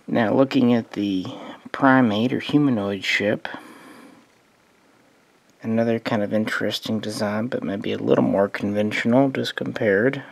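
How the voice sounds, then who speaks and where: A man giving a relaxed, meandering spoken overview of his collection of model starships, thinking aloud as he goes. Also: lowish voice, a little slow, creaky, no echo. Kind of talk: casual hobby overview.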